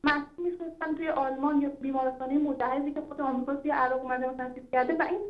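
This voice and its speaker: A woman's voice: sits high, fairly even intonation. A woman calling into a call-in show over the phone, talking in a casual, hesitant way with many fillers. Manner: hesitant, many fillers, loose run-on sentences. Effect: phone line. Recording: dull lo-fi phone line.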